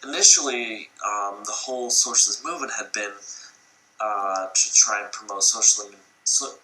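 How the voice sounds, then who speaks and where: A drunk man with a lowish, sharp-toned voice rambles through a history story at normal speed, slurring and swearing constantly. He acts out the quotes as he goes. The recording is poor and echoey.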